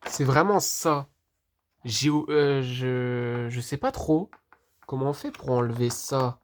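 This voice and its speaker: A vlogger unboxing a toy figure in a casual, hesitant way, thinking aloud, talking straight to viewers and filling pauses with hesitations. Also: mid-range voice, slight background noise. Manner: hesitant, puzzled, fills pauses with "euh" and "du coup".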